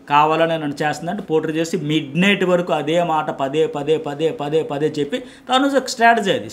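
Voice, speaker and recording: A middle-aged male journalist delivers a solo reality-show commentary at a very quick clip. His voice sits a little high for a man, and he presses his points hard, repeating words to drive them home. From India. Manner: emphatic, animated, repeats words for effect.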